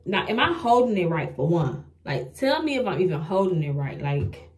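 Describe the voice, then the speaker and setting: A woman's voice: fairly low pitch, big pitch swings, normal speed, darkish tone. A young woman doing a casual get-ready-with-me beauty vlog, talking straight to her viewers and sounding frustrated and self-mocking as she struggles. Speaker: beauty vlogger.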